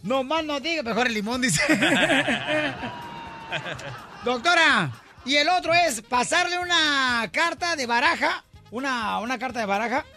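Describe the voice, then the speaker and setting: A man hosting a rowdy live studio show, loud and teasing, laughing often. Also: extremely high pitch, animated, unhurried, soft background music. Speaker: radio show host.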